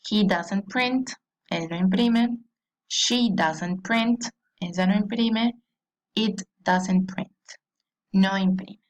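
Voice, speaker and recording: A woman teaches a grammar lesson at a slow, careful pace. She pronounces each English example phrase clearly and keeps checking that her listeners are following her. Her voice sits at an ordinary pitch. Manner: deliberate, repeats a questioning "¿sí?" to check understanding.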